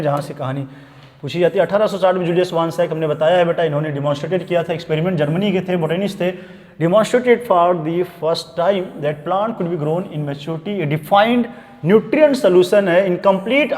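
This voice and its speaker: A male biology teacher giving an exam-prep lecture in Hinglish, calling students "beta" and reading textbook lines slowly before explaining them quickly. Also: high voice, darkish tone, big-room sound. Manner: addresses students as beta, repeats "dhyan denge".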